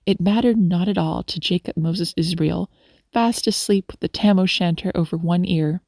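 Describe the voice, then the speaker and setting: A woman narrating a classic story as an audiobook, reading gently and giving the characters their own voices. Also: fairly low pitch, moderate pace, no echo, clean studio sound.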